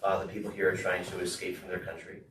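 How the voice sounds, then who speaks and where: A man interpreting a student's talk into English at a school board meeting, steady with frequent "uh". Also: low-pitched, fairly quick, crowd noise. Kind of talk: consecutive interpreting. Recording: echoey room, far mic, noisy.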